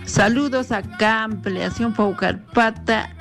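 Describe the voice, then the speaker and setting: A woman from Arequipa with a local Peruvian accent leaving a slow, friendly voice message. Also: fairly high pitch, creaky, fairly bright tone, soft background music. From Arequipa, Peru. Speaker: caller.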